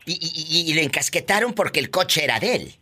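A woman's voice: low voice, very animated, brisk, bright, forceful tone, slightly rough. A woman hosting a call-in radio show, playful and dramatic, full of catchphrases. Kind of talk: lively call-in radio chat.

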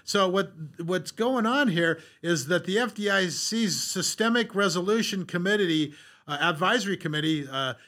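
Bright-voiced rambling male podcast host. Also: sits high. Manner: rambling, halting, many fillers and restarts. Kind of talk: casual podcast talk.

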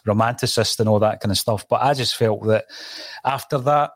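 A Scottish man with a broad accent hosts a football talk show in a conversational way. His voice sits fairly low, and the sound is dry and close. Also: normal speed, no echo. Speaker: podcast host.

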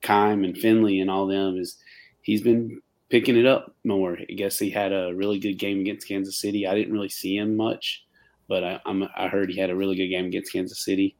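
A man joins a sports podcast as a guest. His voice is very deep, gravelly and quite flat. He talks in an easygoing, hesitant way, full of fillers. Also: a little fast. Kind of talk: casual sports podcast chat.

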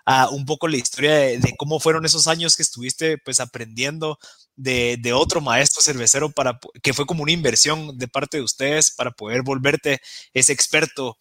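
A man hosts a podcast with a bright, forward voice, recorded close and dry. His talk is loose and rambling, with plenty of fillers. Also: medium pitch, steady tone, normal speed, no echo. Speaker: podcast host. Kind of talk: casual podcast hosting.

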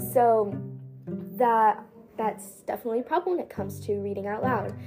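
A woman reads a novel aloud in a casual, unpolished way, now and then stumbling and restarting over words. Her voice sits somewhat high. Faint music plays quietly in the background. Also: low-quality recording. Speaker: reader.

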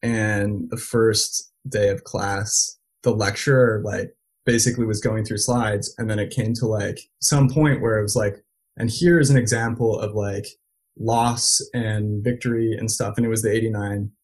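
In a relaxed interview, this man from the United States and Belgium shares stories, leaning heavily on "like" and often starting sentences over. He talks at normal speed in a fairly low, steady, slightly mellow voice with some huskiness.

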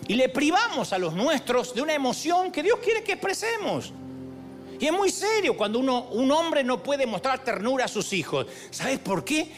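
A man preaches in a stadium, his voice very high for a man, with music playing clearly underneath. He moves from earnest teaching to impassioned, shouted calls to the crowd. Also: very animated, normal speed. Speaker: pastor. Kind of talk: sermon. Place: large stadium.

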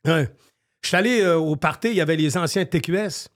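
An older man with a Quebec French accent, a guest telling stories in animated, casual radio chat with many fillers. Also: fairly high pitch, fast talker.

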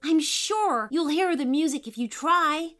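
A sweet little girl full of wonder, high and lilting, with her voice leaping up and down as she insists on her point, as a woman reads her. She sounds eager and sincere, a storybook child at her window at night. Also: expressive, a little slow. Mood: earnest. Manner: bright, earnest, insistent. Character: cheerful dreamy little girl stargazer.

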